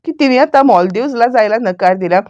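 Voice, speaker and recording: A woman's voice: on the high side, expressive, a little fast, darkish tone, no room sound, muffled recording, lightly acted. A woman reading the lines of a suspicious young wife thinking aloud.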